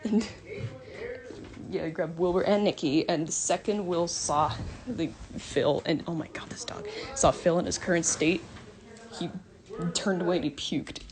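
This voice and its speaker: A woman's voice: fairly low pitch, normal speed, crowd noise. Rambling young woman telling game lore. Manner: rambling, with frequent fillers and swearing. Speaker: storyteller. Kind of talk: casual retelling of game roleplay lore.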